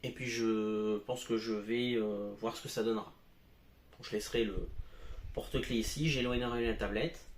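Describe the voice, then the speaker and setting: A man's voice: on the low side, fairly even intonation, normal speed, roomy sound. A man giving a casual product demo at home as a tech reviewer, talking with many hesitations and fillers.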